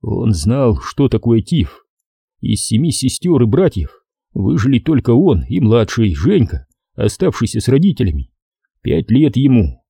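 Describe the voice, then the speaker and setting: A man narrating a war novel as an audiobook in an expressive storytelling manner. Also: mid-range voice, normal speed, creaky, breathy edge, no room sound, studio quality.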